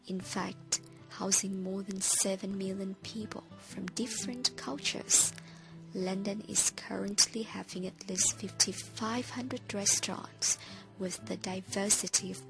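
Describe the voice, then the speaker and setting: A woman narrates a scripted report in a measured reading voice with a gravelly, creaky edge. Clear background music plays beneath her throughout. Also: mid-range voice. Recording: voice-over with loud background music.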